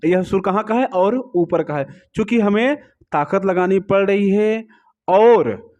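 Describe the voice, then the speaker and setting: A man's voice: high voice, measured pace, darkish tone. A man teaching a music lesson, explaining notes patiently and often asking his students questions. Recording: slightly dull, lo-fi sound.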